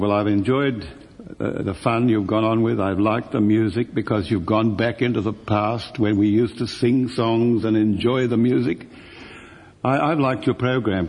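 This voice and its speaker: An older Australian man, a retired radio presenter, reminisces by telling stories and acting out both sides of old conversations. His voice is lowish and a little mellow, with a big-room sound.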